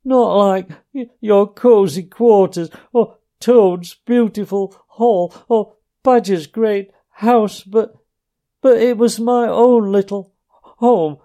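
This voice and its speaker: Mole, a sobbing timid mole. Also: male voice, high voice, warm tone, voice pushed up. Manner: sobbing, stammering, broken pleading. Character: tearful timid small male mole.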